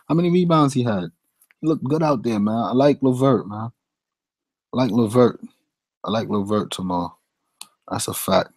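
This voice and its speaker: A man's voice: mid-range voice, a little mellow, dry recording. A man giving a casual fantasy sports breakdown, thinking aloud and repeating his picks. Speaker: daily fantasy sports analyst.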